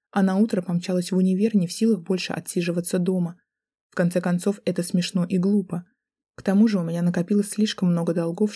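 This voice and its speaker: A woman's voice: lowish voice, mellow, slightly rough. A woman narrating a first-person novel as an audiobook, reading in a tense, dramatic way.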